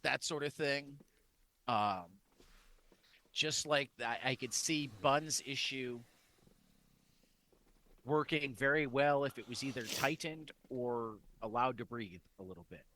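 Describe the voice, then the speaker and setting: A man's voice: mid-range voice, slow, long pauses, sharp tone, slight background noise. Rambling male podcast co-host. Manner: rambling, with many restarts and fillers. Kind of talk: casual chat.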